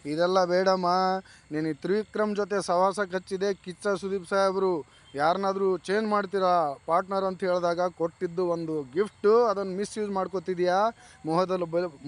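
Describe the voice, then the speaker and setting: Man, high-pitched voice, reality show commentary, scolding and lecturing. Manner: scolding, lecturing tone addressed directly to a contestant.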